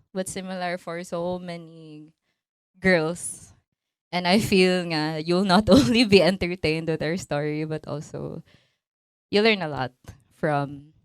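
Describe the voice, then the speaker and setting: A woman's voice: on the low side, smooth, no room sound. A Filipina woman in her twenties with a Filipino accent, hosting a casual podcast chat, laughing often and switching languages mid-sentence. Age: 20s. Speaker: podcast host.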